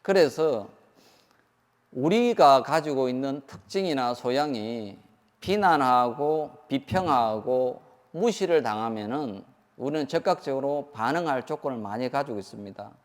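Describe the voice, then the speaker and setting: A man's voice: mid-range voice, expressive, unhurried, in a large hall. A man giving a Buddhist sermon. He keeps asking the audience questions and acts out the lines he quotes. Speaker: Buddhist monk preaching.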